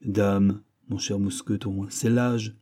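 A man voicing a bold, middle-aged male musketeer who asks brisk, teasing questions. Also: lowish voice, flat delivery, mellow.

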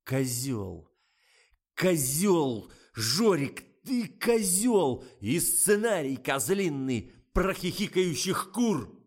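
A man's voice: mid-range voice, animated, slow, voice pushed up. A man reading aloud, voicing a hot-tempered male film director who barks orders at his crew. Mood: furious. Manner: shouting, barking orders.

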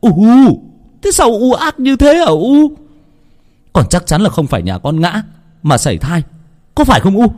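A man's voice: fairly low pitch, sing-song, moderate pace, warm tone, slightly rough. A man voicing a protective young husband with a voice that surges when he is pressed, in a spoken ghost story. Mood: angry, confronting.

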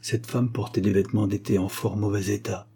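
A man narrating a classic story in a calm, measured way. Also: fairly low pitch, a little hiss or hum. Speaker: audiobook narrator.

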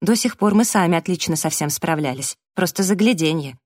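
An audiobook reader voicing a young woman who is frightened and angry, breaking into sharp, rising outbursts. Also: on the low side, animated, fairly quick, dry recording, clean studio sound. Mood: bitter.

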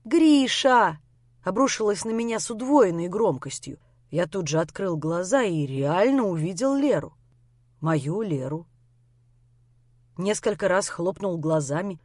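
A woman's voice: lowish voice, a little slow, no echo, studio quality. Woman narrating an audiobook. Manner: steady, intimate first-person storytelling.

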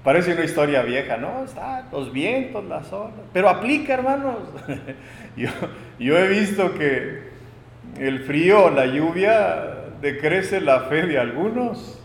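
A man preaching a sermon, emphatic, swinging between loud proclamations and quiet asides, recorded in a church hall. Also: a little high, very animated, a little slow, gravelly, a little hiss or hum.

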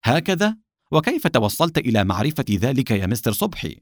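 A man's voice: mid-range voice, very animated, fast, no echo, studio quality, close to an everyday voice. A man voicing a cold, sarcastic, corrupt police inspector in an audiobook. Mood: mocking. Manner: cold, mocking.

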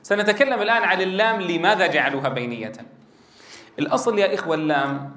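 A man's voice: high-pitched, quick pace, pushed and bright, roomy sound. A middle-aged man teaching a classroom lesson, explaining and quizzing his students and drilling sounds aloud. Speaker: Quran recitation teacher.

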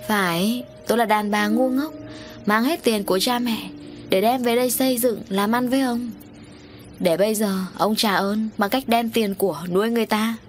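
A woman voicing an angry, wronged middle-aged wife who confronts her unfaithful husband in shrill, accusing words. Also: moderate pace, faint music behind, lightly acted. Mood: indignant.

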